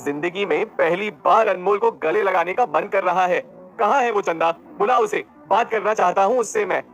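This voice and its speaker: A man's voice: high voice, normal speed, fairly bright tone, soft background music. A man voicing a stern, hot-tempered older father. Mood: joyful. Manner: gruff scolding.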